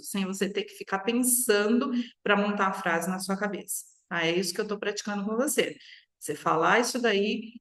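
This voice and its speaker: A Brazilian woman teaching English pronunciation in an online lesson, stretching model phrases out slowly, then explaining quickly and checking in with "tá?". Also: mid-range voice, fairly bright tone, reverberant. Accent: Brazilian Portuguese. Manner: slow, drawn-out model phrases followed by quick explanations, frequent "tá?".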